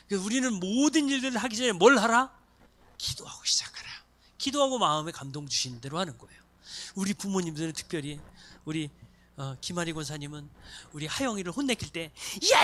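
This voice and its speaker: In a church sanctuary, a pastor with a voice that sits high preaches a sermon, animatedly acting out the little voices of congregants and students from his stories. A slight hiss or hum is audible.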